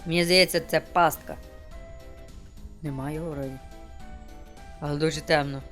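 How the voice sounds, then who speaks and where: A male streamer narrating his gameplay in loose, joking chatter, as if talking to himself. His voice sits a little high for a man. Soft game music plays underneath. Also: fairly even intonation, moderate pace. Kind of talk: casual let's-play commentary.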